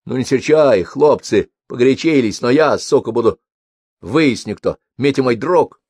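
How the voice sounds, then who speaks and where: A man's voice: mid-range voice, animated, normal speed, a little mellow, husky, no echo, clean studio sound, pitched above the performer's own voice. A male audiobook reader voicing a coarse, sniffling middle-aged gang boss who grumbles down the phone. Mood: gruff.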